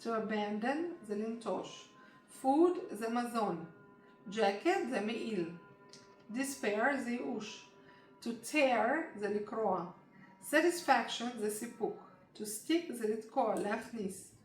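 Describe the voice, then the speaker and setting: A woman, a Hebrew speaker, teaching English vocabulary and reading a story aloud in a brisk, word-by-word way. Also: fairly high pitch, lively intonation, faint music behind. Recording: roomy, distant mic, faint noise.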